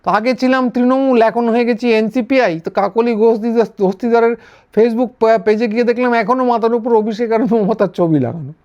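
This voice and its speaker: Wry high-voiced man. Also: moderate pace, darkish tone. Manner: wry, sarcastic, with frequent hesitations and restarts. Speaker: political commentator. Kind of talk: casual political commentary monologue. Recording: dull, lo-fi recording.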